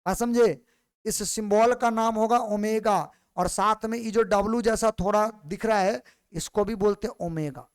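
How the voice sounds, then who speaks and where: A man's voice: sits high, steady tone, moderate pace, clean tone. A male physics teacher, lecturing patiently and repeating questions back to his students. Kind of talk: classroom lecture.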